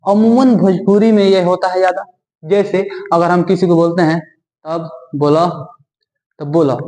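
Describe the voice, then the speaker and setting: A man teaching a Hindi grammar lesson at a board, repeating key terms, quizzing the class and drawing out vowel sounds slowly. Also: high-pitched, darkish tone, roomy sound, low-quality recording. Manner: drawn-out, deliberate delivery of vowel sounds.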